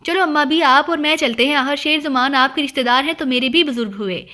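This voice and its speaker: A woman's voice: high-pitched, bright, forceful tone. A woman voicing a playful young man who teases in a mock-serious tone. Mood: teasing.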